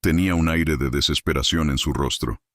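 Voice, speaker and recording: A man narrating a horror story in a dramatic, measured storytelling manner. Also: very deep voice, fairly bright tone, dry recording, clean studio sound.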